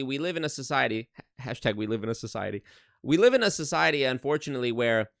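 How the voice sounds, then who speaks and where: A man in his twenties livestreams as a YouTuber from his one-bedroom apartment, speaking into a desk mic in a mid-range, fairly bright voice. The audio is clean studio sound with no room sound. His casual talk is emphatic and full of swearing, with many restarted sentences.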